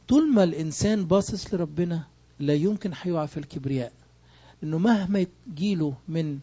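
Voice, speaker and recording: A man's voice: a little high, dark tone, breathy edge, highs cut off. A man with an Egyptian Arabic accent preaching a sermon, emphatic and full of rhetorical questions. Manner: emphatic, asks rhetorical questions and answers them.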